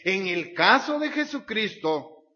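Preacher, male, high and very animated voice, slow delivery, dull recording with long hall reverb. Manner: reads scripture aloud and repeats verse references. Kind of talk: sermon.

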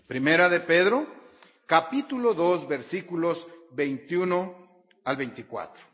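A man's voice: fairly high pitch, animated, a little slow. A man preaching a sermon, reading scripture aloud and repeating the verse references. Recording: dull sound with long hall reverb.

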